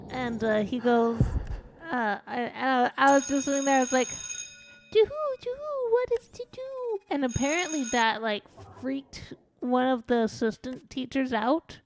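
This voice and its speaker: A woman's voice: high voice, measured pace. A woman streaming a game as a VTuber, rambling through a casual story and swearing now and then. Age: adult.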